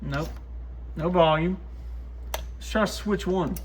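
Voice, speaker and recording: A high-voiced man speaks at a slow pace, casually thinking aloud in short, muttered remarks while demonstrating and testing gear by hand. He's a radio shop host, and the recording is clear, with background noise and clicks.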